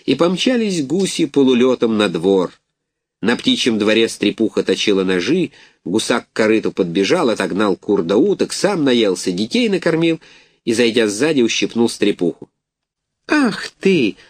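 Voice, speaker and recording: Male narrator for a children's audiobook, lively and expressive, dry close sound. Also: on the low side, moderate pace, husky, no echo. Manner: animated, expressive reading.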